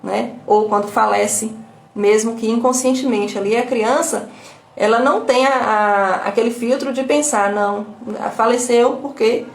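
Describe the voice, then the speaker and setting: Woman, Brazilian Portuguese accent, coach giving a live talk, rhetorical questions, higher voice, echoey room. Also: steady tone, normal speed, vocal fry. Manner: rhetorical questions with frequent tag questions; explanatory, repetitive teaching tone. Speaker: emotional intelligence coach. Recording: roomy echo.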